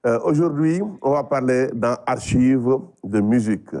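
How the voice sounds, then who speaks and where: Dark-voiced male studio columnist. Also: mid-range voice, unhurried, no room sound. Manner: hesitant, many fillers. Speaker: archive music columnist. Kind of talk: radio chronicle in studio.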